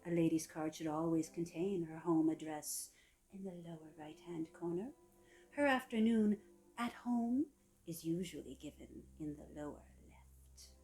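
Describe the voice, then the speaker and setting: Female narrator, sultry and mellow, scripted book reading, soft phrase endings. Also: fairly low pitch, soft background music. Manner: sultry, slow-savoring delivery with soft trailing phrase ends. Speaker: reader of a public-domain etiquette book.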